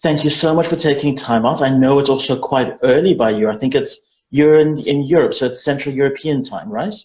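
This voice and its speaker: Over an echoey, dull-sounding video call, a male interview host speaks briskly in a mid-range, darkish voice. His effusive, chatty manner comes with many fillers and restarts.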